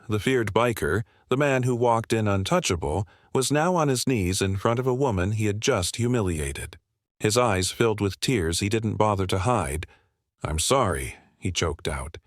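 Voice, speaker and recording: Low-voiced male story narrator, dry. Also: dry recording. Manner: measured, dramatic storytelling.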